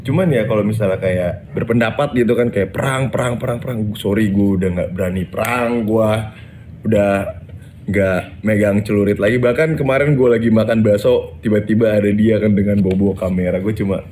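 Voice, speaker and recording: Mellow-voiced man talking blunt street slang. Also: fairly low pitch, fairly even intonation, brisk, slight background noise. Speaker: content creator. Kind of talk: casual video clarification.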